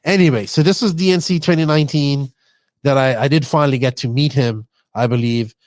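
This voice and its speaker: A man's voice: medium pitch, brisk, no room sound. Male podcast host, Bermudian accent, chatty and informal, unscripted delivery. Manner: talkative, informal, toned-down accent. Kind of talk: casual podcast talk.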